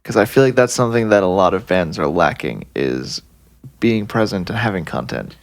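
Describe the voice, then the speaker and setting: Low, animated male podcast host. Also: moderate pace, gravelly. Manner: curious, asks follow-up questions. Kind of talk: casual interview.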